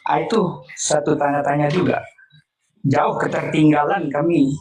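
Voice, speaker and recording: A man with a notably high voice presses his questions earnestly, repeating himself as he builds each point. He sounds distant from the microphone, in a roomy, echoing space. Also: fairly even intonation, normal speed, a little mellow. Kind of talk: casual call-in discussion. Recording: echoey, distant from mic.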